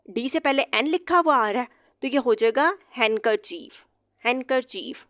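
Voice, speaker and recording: Woman, English teacher, patient lesson, repeats example words, slightly high voice, dry close sound. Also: a bit bright, no echo. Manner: patient, repeats each example word slowly. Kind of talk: explanatory lesson.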